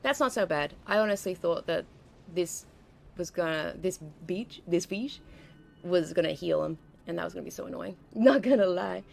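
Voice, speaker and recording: A woman's voice: lowish voice, animated, normal speed, creaky, soft background music. A young woman streaming a game, rambling and chatting casually as she plays, often breaking off mid-sentence. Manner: rambling, self-interrupting, chatty. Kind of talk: casual gameplay commentary.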